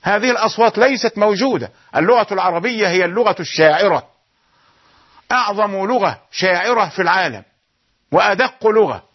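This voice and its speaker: A man teaching the rules of Quran recitation, explaining each point and then slowly chanting the example verses. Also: high-pitched, slightly rough, dull audio. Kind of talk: tajweed lesson with chanted verses.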